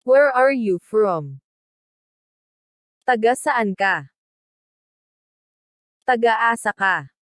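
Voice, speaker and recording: A woman teacher reads short phrases in a very slow, careful drill. Her voice sits fairly high, and the recording is dry and close. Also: expressive, no echo. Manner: reads each phrase slowly and deliberately. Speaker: language teacher. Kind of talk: slow read-aloud translation drill.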